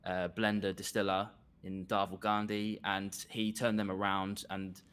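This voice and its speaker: This guest reviewer from England talks enthusiastically in a casual video-call conversation, repeating words as he restarts and filling gaps with many fillers. His low-pitched voice is clear and resonant, a bit bright, with little pitch movement and a slightly slow pace.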